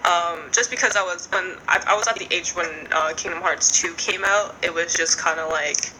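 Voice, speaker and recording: Young woman, sharp bright voice, chatty rambling podcast storyteller, faint background noise. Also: fairly low pitch, moderate pace, rough recording. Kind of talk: casual chat.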